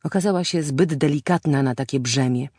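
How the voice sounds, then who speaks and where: A man's voice: a little high, fairly quick, a little mellow, breathy edge, no room sound, clean studio sound. A woman narrator voicing a brooding nobleman husband who speaks in grave, old-fashioned formal phrases. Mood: grim. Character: brooding married nobleman, bitter toward his family.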